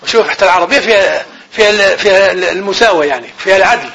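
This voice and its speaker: Male grammar teacher; high voice, fast talk, asks students questions and answers them himself. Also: vocal fry, fairly bright tone, lo-fi sound, slight background noise. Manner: repeats definitions slowly as if dictating. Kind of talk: classroom grammar lecture.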